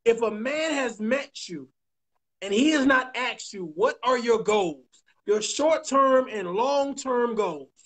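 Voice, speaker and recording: A man's voice: very high voice, fairly bright tone. Emphatic preachy man hosting a talk show. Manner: emphatic, preachy, swears, repeats points slowly. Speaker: podcast host.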